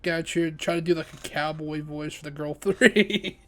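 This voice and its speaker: Laughing young man, higher-voiced streamer. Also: fairly even intonation, normal speed, faint music behind. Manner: jokey, laughs often, directs the others. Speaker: streamer narrating the game. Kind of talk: casual chat while voice-acting a game.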